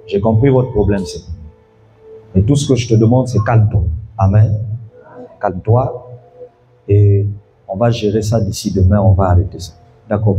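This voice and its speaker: A man's voice: on the low side, warm tone. A pastor preaching an evening sermon, telling a story and calling out to his congregation to follow him.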